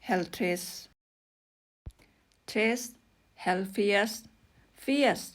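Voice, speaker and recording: A woman giving a casual language lesson, patiently saying number words slowly and repeating them for practice, with polite, gentle sentence endings. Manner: polite, uses soft sentence-end particles. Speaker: language teacher.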